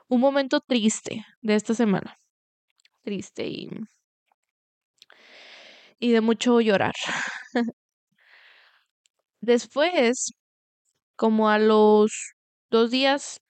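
A woman's voice: a little high, clean tone, dry recording. A young woman in her twenties, raised in the US after moving there at twelve, telling a personal story in a candid, rambling way. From Latin America, moved to the US at twelve. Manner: candid, rambling, with restarts and "bla, bla, bla". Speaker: podcast host. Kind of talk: personal confessional monologue.

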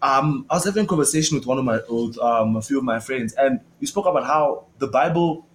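A man's voice: mid-range voice, animated, a little fast, slight background noise, low-quality recording. A young man co-hosting a casual faith podcast, talking earnestly and rambling with many fillers. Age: young adult. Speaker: podcast co-host.

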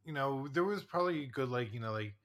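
A man in his forties co-hosts a casual podcast, rambling through his stories with plenty of fillers and restarts. His voice is bright and forceful. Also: medium pitch, expressive, quick pace. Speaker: podcast co-host, therapist. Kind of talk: casual chat.

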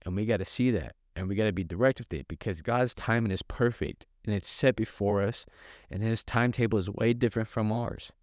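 A man's voice: lowish voice, fairly quick, dry recording, studio quality. A man hosting a podcast, giving a casual, earnest faith talk that builds through repeated phrases in a conversational preaching manner. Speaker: podcast host.

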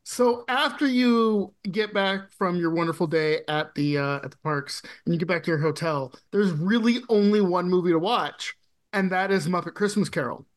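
Talkative man, notably high voice, rambling anecdote style, podcast guest. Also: normal speed. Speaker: game player, podcast guest. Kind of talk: casual chat.

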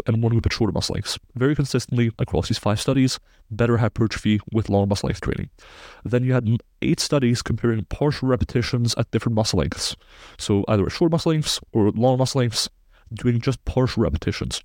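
A man's voice: medium pitch, darkish tone, no room sound, clean studio sound. A man in his twenties from Belgium, a sports science researcher, explaining studies precisely and technically as a podcast guest. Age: 20s.

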